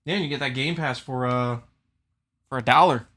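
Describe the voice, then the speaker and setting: An easygoing man co-hosting a podcast, chatting casually and dropping short replies. His voice is bright and forceful. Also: medium pitch, moderate pace. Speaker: podcast co-host. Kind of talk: casual chat.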